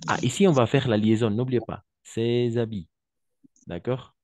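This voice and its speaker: A man teaching French to a class, patient, repeating each word slowly and often praising his students. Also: medium pitch, a little mellow, dry recording. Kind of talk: online class instruction.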